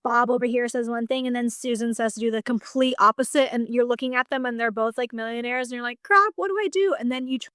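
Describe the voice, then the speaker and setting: A woman's voice: fairly high pitch, little pitch movement, fast, few pauses, a bit bright, clear, resonant tone, no room sound, clean studio sound. A woman business coach talking in a casual podcast conversation, chatty and full of "like" fillers. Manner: chatty, heavy use of "like" fillers.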